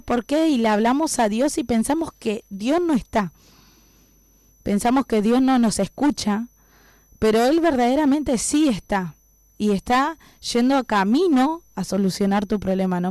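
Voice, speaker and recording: Young woman, warm mellow tone, dry close sound; casual preaching with lots of tag questions. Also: on the high side, dry recording. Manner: conversational, frequent tag questions. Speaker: radio preacher.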